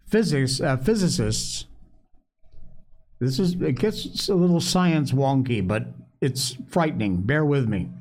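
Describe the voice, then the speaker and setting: Slow, emphatic male commentator. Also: medium pitch, lively intonation, a little mellow. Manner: emphatic, dramatic pauses, addresses listeners as friends. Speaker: show host. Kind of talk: opinionated news commentary to the audience.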